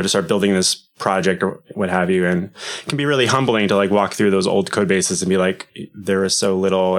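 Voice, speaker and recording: A man hosting a podcast interview, asking questions in a chatty way. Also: sits low. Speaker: podcast host. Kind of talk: casual interview.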